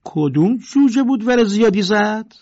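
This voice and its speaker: A man's voice: high voice, animated, pitched above the performer's own voice. A man voicing an arrogant neighbourhood tough guy who bullies and barks at a crowd. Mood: threatening. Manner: loud, bullying, swaggering. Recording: dull lo-fi recording.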